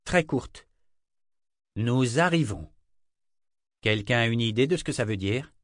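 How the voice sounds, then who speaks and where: A man voicing a young seeker who reasons calmly, in an audiobook reading. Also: mid-range voice, measured pace, no room sound, clean studio sound, close to an everyday voice. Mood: questioning. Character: young male seeker, calm and questioning.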